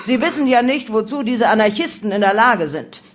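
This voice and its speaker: A woman's voice: on the low side, sing-song, moderate pace. A woman doing a barking police captain. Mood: shouting angrily. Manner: barking, shouted commands. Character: gruff bullying male police captain.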